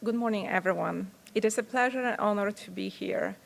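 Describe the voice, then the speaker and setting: A woman's voice: medium pitch, a little fast, creaky. A woman in her forties from Poland with a Polish accent, giving an earnest prepared speech at a podium microphone in a large conference hall. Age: 40s. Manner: earnest, reads with small restarts. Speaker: company founder giving a speech.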